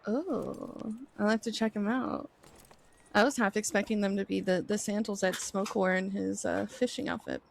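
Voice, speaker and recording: Woman, role-play character, gravelly creak in her voice, chatty and friendly. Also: medium pitch, fairly even intonation, moderate pace, slight background noise.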